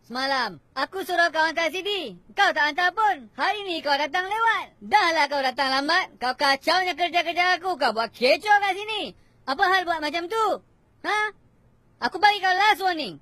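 Bright high woman boss ranting sarcastic at a worker, dry close sound. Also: animated, moderate pace, dry recording. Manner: scolding, sarcastic. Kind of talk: comedy sketch acting.

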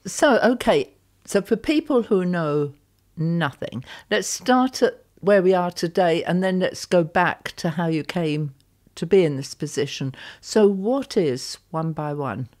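A woman co-hosting a podcast, steering the interview briskly. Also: lowish voice, animated, a little mellow.

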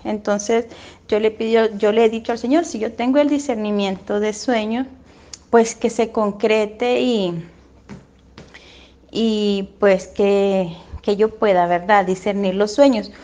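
A woman's voice: medium pitch, steady tone, slow pace, mellow. A woman from Nicaragua, speaking in a fervent, prayerful and repetitive way as a religious dream interpreter. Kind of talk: religious testimony.

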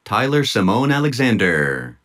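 A man announcing graduates' names at an outdoor commencement ceremony, in a measured, deliberate manner. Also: lowish voice, very animated, fairly bright tone. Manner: measured, deliberate name-reading. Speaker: commencement name reader. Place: outdoor tent stage at a graduation.

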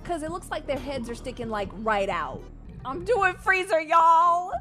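Female gaming streamer, very high and bouncy voice, unhurried delivery, loud profane reactions, talks straight to chat. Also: faint music behind. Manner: excitable, swears freely, shouts at characters; chatty asides to chat with "girl" and "y'all". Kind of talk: live gameplay commentary.

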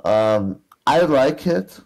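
A man in his thirties chatting casually about comics as a co-host, hesitant and halting, often repeating himself. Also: mid-range voice, expressive, vocal fry, darkish tone. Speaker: co-host of a manga reaction show. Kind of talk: casual chat reviewing a manga chapter. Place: small room at home, indoors.

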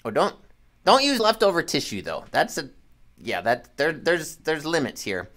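A woman hosting a playful, interactive children's show, talking in an animated, giggly, sing-song way. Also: sits low, normal speed.

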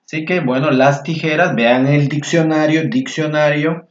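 A man teaching a Spanish grammar lesson to learners in a friendly way. He repeats words slowly and mutters asides to himself while fixing his screen. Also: fairly high pitch, steady tone. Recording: echoey room, dull lo-fi sound.

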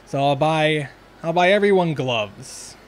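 A man's voice: fairly high pitch, animated, measured pace, slight background noise. A young man hosting a let's play, thinking aloud in casual, chatty commentary.

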